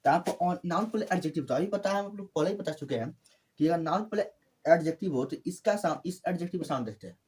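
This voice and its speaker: A man tutoring English grammar, his voice lively and swinging up and down as he stresses each example. His pitch sits a little high for a man. He repeats key words and talks to viewers as his friends. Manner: repetitive, addresses viewers as friends. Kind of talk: classroom grammar lesson.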